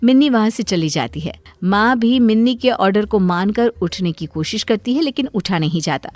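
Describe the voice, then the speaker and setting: A woman narrating a cartoon story in a plain, even storytelling manner. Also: mid-range voice, normal speed.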